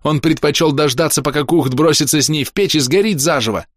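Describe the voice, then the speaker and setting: A man's voice: on the high side, fast talker, no room sound, studio quality, voice pushed up, close to an everyday voice. A man voicing a spiteful fox-tailed young woman who snarls and sneers in a raised voice. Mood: venomous. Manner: snarling, venomous.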